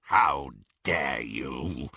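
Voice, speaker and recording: A man voicing a snarling, brutish male werewolf with a rasping, menacing voice. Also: expressive, drawn-out words, sharp tone, dry recording, clean studio sound, heavily acted. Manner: rasping, low crooning menace.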